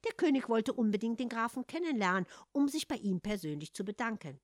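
A woman reading a fairy tale aloud in a lively, expressive storytelling manner. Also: on the high side, a little fast, no echo, clean studio sound.

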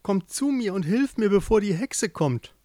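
Young fairy-tale girl in love, higher, lively voice, storybook reading, man doing her. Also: moderate pace, no echo, studio quality. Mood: pleading. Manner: pleading, emotive.

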